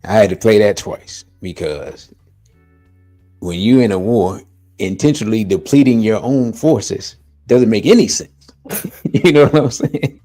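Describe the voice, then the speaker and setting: Very low-voiced man podcast co-host. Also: mellow, faint music behind. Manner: measured, reacts and agrees, plays clips. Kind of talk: casual discussion.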